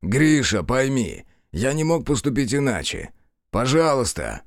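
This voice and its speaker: A man's voice: mid-range voice, big pitch swings, unhurried, no echo, clean studio sound, pitched above the performer's own voice. A man voicing a guilty, fawning young detective who pleads and wheedles with his partner. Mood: pleading.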